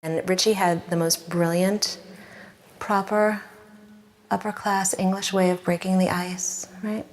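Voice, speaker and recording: A woman's voice: mid-range voice, level tone, a little slow. A woman from New York telling a story in an interview, bubbly and giggly.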